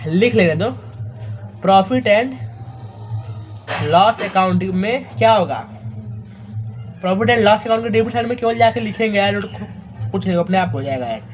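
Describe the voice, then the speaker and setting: Young male teacher with a Maharashtra accent, high voice, chatty and joking, in a slightly muffled recording with faint hiss. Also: normal speed, pauses often, faint music behind. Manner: chatty, joking, addresses students as "bhai". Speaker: accounting teacher. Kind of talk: informal recorded lecture.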